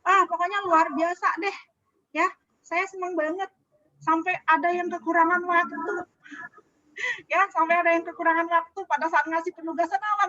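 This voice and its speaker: A woman's voice: extremely high pitch, sharp tone, dry recording. A woman trainer giving chatty feedback to a class over a video call, often asking them questions. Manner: chatty, asks the class questions, laughs easily. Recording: dull lo-fi video call audio.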